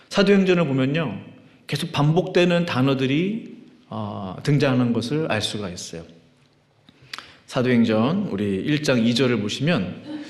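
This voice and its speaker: A medium-pitched man leads worship as pastor in a church sanctuary. He reads scripture in a drawn-out chant, prays with rising, fervent pleading, and preaches conversationally, putting questions to the congregation. The echoey hall gives the recording a long reverb.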